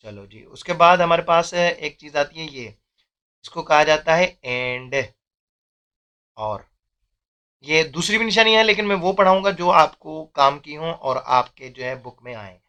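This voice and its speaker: A young man teaching math, his voice bright and a little high. He explains step by step in a patient classroom manner, checking in often. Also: measured pace. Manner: explains step by step, often says "theek hai".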